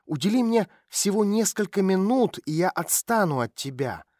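A man voicing a calm woman private detective who speaks quietly and gently to coax a runaway girl. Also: sits high, moderate pace, dry recording, studio quality, pitched above the performer's own voice. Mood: soothing. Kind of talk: audiobook character voice.

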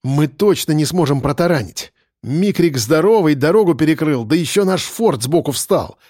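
A man's voice: a little high, animated, normal speed, a little mellow, dry recording, studio quality. A man voicing a blunt, swearing warrant officer. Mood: uneasy. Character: rough, coarse-talking male warrant officer.

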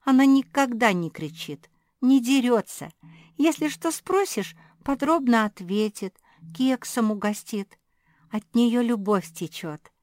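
A woman's voice: fairly high pitch, animated, unhurried, a little mellow, no echo, studio quality, pitched above the performer's own voice. A woman voicing a young, earnest female pug puppy in an audiobook, telling her side eagerly.

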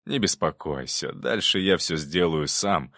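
A man voicing a cunning male aide who speaks curtly and deliberately, giving cold commands. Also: pushed and bright, no echo, studio quality, exaggerated voice. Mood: sly. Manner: curt, commanding, low and deliberate.

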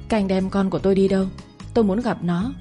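A woman voicing a desperate young mother who pleads and accuses in a quick, raised voice in a story reading. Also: lively intonation, warm tone, faint music behind, lightly acted. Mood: pleading. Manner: pleading, shrill and fast. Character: frantic young mother of a kidnapped boy.

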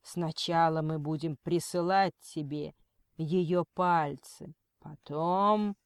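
A woman voicing a cold male kidnapper who threatens slowly and quotes scripture. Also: deep voice, steady tone, no echo, studio quality. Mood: menacing. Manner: slow, menacing, preachy.

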